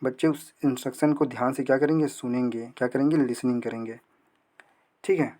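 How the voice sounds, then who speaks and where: Guy doing exam prep, asks stuff then answers it himself, reads english lines real slow. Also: medium pitch, fairly even intonation, dark tone. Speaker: teacher. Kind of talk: exam prep lesson explaining questions.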